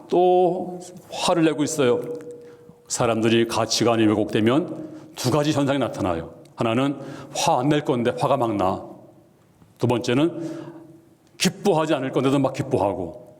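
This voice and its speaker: A male pastor delivers a sermon with dramatic flair, acting out each exchange. His voice sits at an ordinary middle pitch, and long church reverb trails each phrase. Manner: dramatic, acts out dialogue with rising shouts. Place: church sanctuary.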